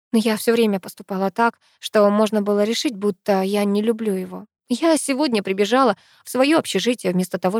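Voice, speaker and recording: A woman reading a first-person romance audiobook with intimate, expressive narration. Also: mid-range voice, dry recording, studio quality.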